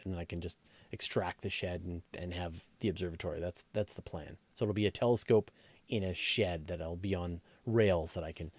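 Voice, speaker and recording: A low-voiced man, recorded with no room sound, hosts a live astronomy Q&A as a science journalist. He reads out questions, answers off the cuff, and explains conversationally, rephrasing and thinking aloud.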